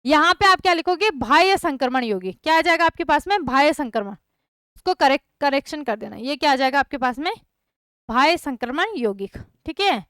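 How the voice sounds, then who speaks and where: A young woman with a high, fairly bright voice teaches an online chemistry class, her intonation lively and pace a little fast, with no echo. She often questions her students, repeating questions and checking they follow with frequent "thik hai".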